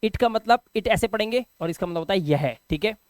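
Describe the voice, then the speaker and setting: A man teaching English vocabulary in a video lesson. He repeats each word, keeps asking if his students follow, and pushes in loud, encouraging bursts. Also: sits high, fairly quick, clear, resonant tone, dry recording, studio quality. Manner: drills words, repeats them, keeps asking "ठीक है?"; animated and encouraging, with sudden loud emphasis.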